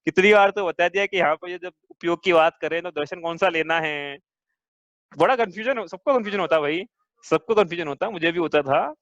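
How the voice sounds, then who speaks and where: A man with a high voice leads a scripture class, explaining point by point and checking his students with questions. The sound is dull and lo-fi, dry with no room echo. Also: a little fast, a bit bright. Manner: patient, asks students questions. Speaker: teacher. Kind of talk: religious class lecture.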